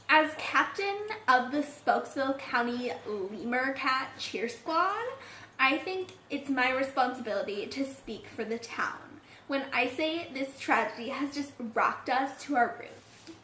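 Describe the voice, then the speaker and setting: A self-important small-town cheer captain gushes through sniffles with melodramatic sorrow, as a woman acts her out. Her voice is high and her speech is slow. The sound carries a roomy echo. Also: animated, sharp tone, slight background noise, full character voice. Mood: tearful. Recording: echoey room.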